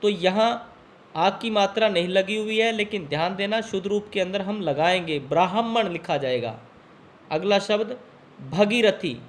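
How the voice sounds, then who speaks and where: A male teacher runs a spelling class for students preparing for exams. He talks at an unhurried pace in a fairly high voice, naming each word, correcting it and saying it again slowly. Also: slight background noise. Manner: slow, deliberate, spells words out and repeats them. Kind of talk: spelling lesson for exam students.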